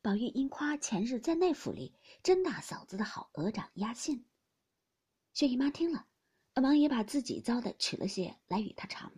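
Woman reading a classic story aloud, soft half-whisper, breathy, voice swings up and down. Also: a little high, big pitch swings, normal speed. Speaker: narrator.

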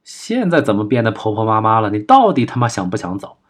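A man reading an audiobook, voicing a gruff man who gives terse, urgent orders during an escape, in a low, husky voice. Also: expressive, quick pace, a little mellow. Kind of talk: audiobook character voice.

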